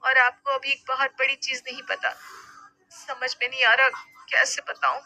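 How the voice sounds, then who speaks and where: A woman voicing a meek young wife who speaks softly and hesitantly, pleading, in an animated story. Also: sits high, moderate pace, no echo, voice pushed up, poor audio. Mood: timid.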